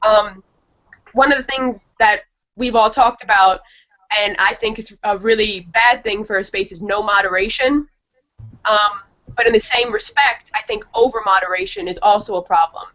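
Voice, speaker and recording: A woman speaking as a guest on an online panel, explaining her points in a measured way with frequent ums. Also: medium pitch, bright, forceful tone. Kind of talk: casual panel discussion. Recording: lo-fi online call audio.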